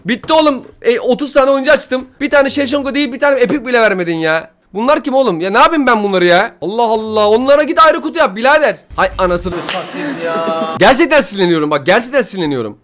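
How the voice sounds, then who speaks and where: A young man giving excited gameplay commentary while opening player packs, pleading and grumbling in frustration by turns. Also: extremely high pitch, fast, few pauses. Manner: swings from pleading to loud frustration.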